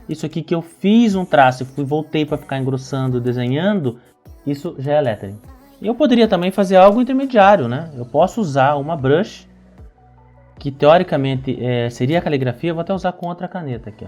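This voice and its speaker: Brazilian man, quick tutorial delivery, mellow tone, teacher who keeps checking in with the viewer. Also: fairly high pitch. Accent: Brazilian Portuguese. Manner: explains while writing, keeps checking in with "tá?" and "né?". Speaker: calligraphy and lettering teacher. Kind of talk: tutorial explaining while demonstrating.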